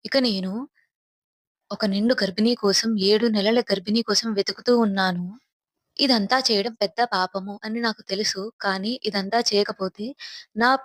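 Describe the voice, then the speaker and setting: A woman's voice: medium pitch, no room sound. A woman narrating a first-person horror story in a grave, tense manner.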